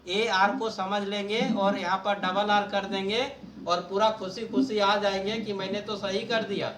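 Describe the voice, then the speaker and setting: High-voiced male teacher in a roomy class. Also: fairly bright tone. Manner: explains patiently, often checks understanding. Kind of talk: classroom lesson. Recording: roomy classroom with faint noise.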